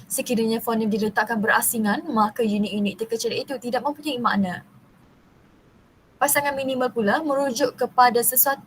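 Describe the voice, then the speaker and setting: A young woman from Malaysia reading a university class presentation, steady but often stumbling and restarting on long terms. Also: a little high, slight background noise, rough recording.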